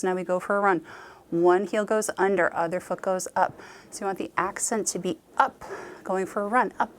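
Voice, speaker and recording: A woman's voice: lowish voice, a little hiss or hum. A woman Pilates instructor leading a guided workout, cueing movements and counting down reps while she exercises along.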